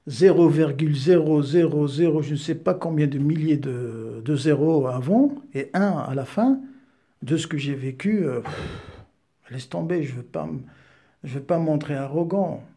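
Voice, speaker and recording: A man in his fifties hurls taunts and insults in a heated rant. His voice sits high, yet its colour stays dark and mellow. He mocks as much as he argues. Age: 50s. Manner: insulting, mocking, combative. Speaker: YouTuber answering a critic.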